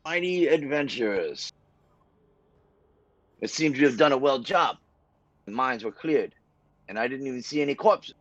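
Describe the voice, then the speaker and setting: A man voicing a male half-orc town speaker who addresses adventurers in stiff, formal speech with a gruff edge. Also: mid-range voice, lively intonation, moderate pace, pauses often, dry recording, dull audio, pitched above the performer's own voice, natural voice. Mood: formal, grateful.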